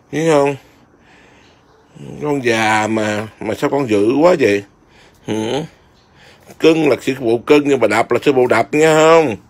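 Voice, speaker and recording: Give me a chatty monk, a man with a middle-pitched voice, talking casually outdoors in his garden. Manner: chatty, keeps asking "see?". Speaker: Buddhist monk. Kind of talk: casual home vlog.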